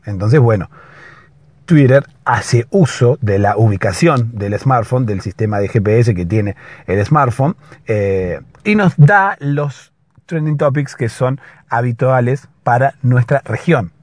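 A hoarse man hosting a casual solo podcast, explaining patiently and often checking in with his listeners. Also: mid-range voice, animated, measured pace, darkish tone, dry recording. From Latin America. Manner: explanatory, keeps checking in with a questioning "right?". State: hoarse, slightly husky voice. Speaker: podcast host.

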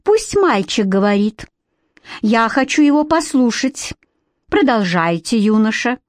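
A woman's voice: a little high, unhurried, no echo, studio quality. A woman voicing a kind but authoritative fairy leader. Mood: commanding. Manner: calm, authoritative.

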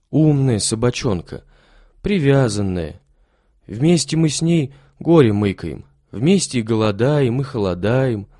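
A man's voice: mid-range voice, dark tone, dry recording, studio quality. A man voicing a timid, humble old soldier who talks meekly and gratefully in a storybook reading. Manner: meek, pious, grateful.

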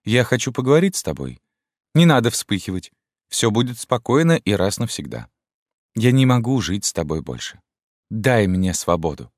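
A man reading an audiobook voices a proud, hot-tempered young daughter who turns shrill and sharp. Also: sing-song, normal speed, dry recording, clean studio sound. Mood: stern, proud.

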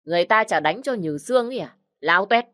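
A woman's voice: medium pitch, animated, quick pace, a bit bright, voice pushed up, close to an everyday voice. A woman voicing a harsh, scheming middle-aged village woman who accuses and barks orders. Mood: commanding. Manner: accusing, scornful, barking orders.

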